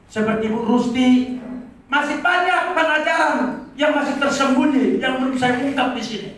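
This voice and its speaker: An older woman pastor preaching a lively sermon, scolding and acting out quoted dialogue. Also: high-pitched. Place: large echoing church hall. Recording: very echoey hall from far off.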